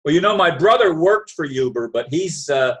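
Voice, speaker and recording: Measured man hosting a casual talk. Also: on the high side, lively intonation, a bit bright. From New Jersey. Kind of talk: casual chat.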